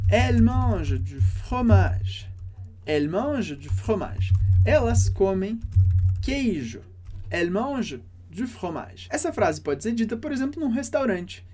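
A man teaching French in a recorded lesson, speaking slowly and carefully and repeating each French phrase to model its pronunciation. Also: sits high, darkish tone.

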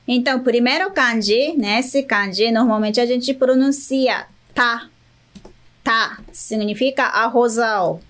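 A woman from Japan with a Japanese accent, a native Japanese speaker, teaching a language lesson, repeating each word slowly and checking in with the listener. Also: fairly high pitch. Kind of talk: slow, patient Japanese lesson.

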